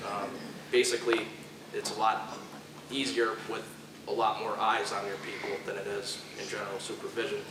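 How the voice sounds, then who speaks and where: A man who works as a drug court probation officer, speaking nervously and haltingly on a panel. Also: fairly low pitch, level tone, noisy background. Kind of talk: panel presentation. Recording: echoey room from far off.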